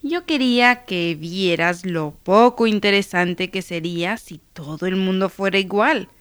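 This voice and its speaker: A woman voicing a patient father explaining a lesson in a calm, lowered voice. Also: measured pace, smooth, no room sound, lightly acted.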